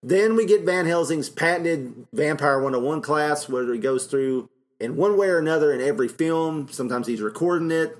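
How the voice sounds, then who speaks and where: A man's voice: a little high, normal speed. A man co-hosting a podcast, talking casually about a film and filling his talk with "you know" and laughs. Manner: rambling, with many fillers and laughs. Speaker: podcast co-host.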